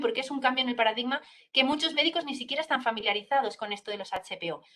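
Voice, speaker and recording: Explanatory woman doctor, fairly high voice. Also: fairly bright tone, slight background noise. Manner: explains step by step, checking in with "¿vale?". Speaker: pediatric neurologist giving a talk to students. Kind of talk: explanatory school talk.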